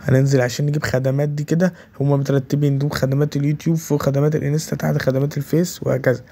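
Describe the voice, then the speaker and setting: A man with an Egyptian accent talks viewers through a website step by step, keeping it casual and tossing in "okay" after nearly every click. His voice is dark and gravelly with a fry to it. He talks quickly, in a flat, level tone. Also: fairly high pitch. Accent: Egyptian Arabic. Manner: keeps repeating "okay" between steps. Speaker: tutorial presenter. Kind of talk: casual screen walkthrough.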